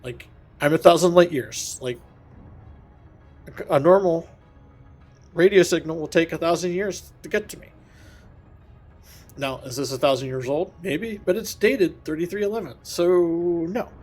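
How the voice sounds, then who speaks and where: A man streaming a space game, thinking out loud in a casual, rambling way and correcting himself as he goes. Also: a little high, a little slow, pauses often, soft background music. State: has the hiccups. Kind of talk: casual gameplay commentary.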